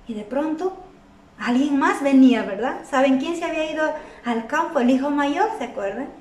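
High-voiced woman telling children a Bible story. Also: animated, moderate pace, darkish tone. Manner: asks the children frequent questions. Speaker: children's club Bible teacher. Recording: echoey room, voice from a distance.

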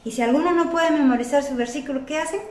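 A woman's voice: high voice, fast, darkish tone. A woman teaching at a children's club, telling a Bible story and often asking the children questions. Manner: asks the children frequent questions. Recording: echoey room, voice from a distance.

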